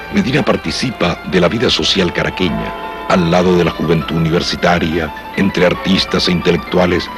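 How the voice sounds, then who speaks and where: A man delivers scripted documentary narration in a low, deep register. He speaks as the narrator of a historical film, with music playing clearly behind him.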